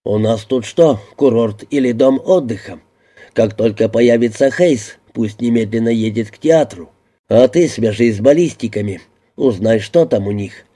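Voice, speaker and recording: A man's voice: medium pitch, moderate pace, mellow, close to an everyday voice. A man reading an audiobook voices a harried, exasperated police lieutenant who answers his superior defensively and barks orders at his squad. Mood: brusque.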